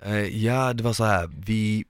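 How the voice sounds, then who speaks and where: A man's voice: lowish voice, clean tone, no room sound, clean studio sound. A man telling a long story in casual conversation, rambling with lots of fillers. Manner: lively, rambling, with many fillers.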